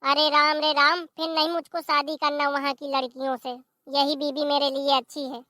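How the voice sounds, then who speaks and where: A shrill, exasperated village husband in a cartoon comedy, forever scolding and griping, voiced by a performer. The tone is very high and bright. It sounds close and dry, with no room around it. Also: little pitch movement, normal speed, no room sound. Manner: shouting, complaining, scolding. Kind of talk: animated comedy voice acting.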